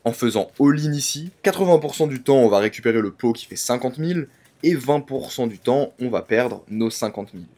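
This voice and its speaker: A man's voice: mid-range voice, expressive, brisk, mellow. A man telling his poker session as a vlog, analytical and full of English poker jargon. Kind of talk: storytelling vlog narration.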